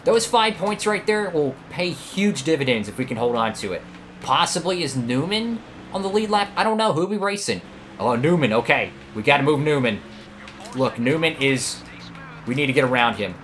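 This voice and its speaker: Male gaming YouTuber, bright forward voice, excitable play-by-play with pleading outbursts, faint noise behind. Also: a little high, normal speed. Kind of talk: live racing game commentary.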